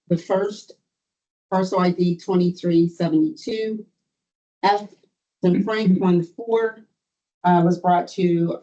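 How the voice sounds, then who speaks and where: Through muffled meeting audio, a board administrator works through a formal report, halting and procedural. The voice sits mid-pitch and sounds very mellow.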